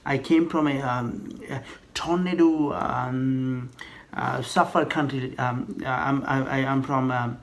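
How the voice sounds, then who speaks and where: A man from Bangladesh listening to a child read, encouraging him in halting speech full of fillers. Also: mid-range voice, steady tone, creaky. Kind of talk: casual chat.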